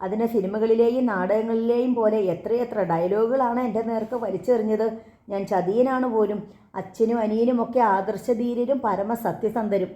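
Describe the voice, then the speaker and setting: A woman's voice: fairly high pitch, steady tone, normal speed, dark tone, echoey room, dull audio, lightly acted. A woman voicing a bitter, wounded husband who speaks with sarcastic reproach, in a storybook reading.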